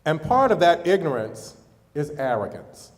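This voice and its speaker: A man's voice: fairly high pitch, sing-song, unhurried. A middle-aged man who is a pastor, preaching a sermon and telling stories to his congregation. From United States. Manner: storytelling preacher, speaks to the congregation with chuckles. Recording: long hall reverb.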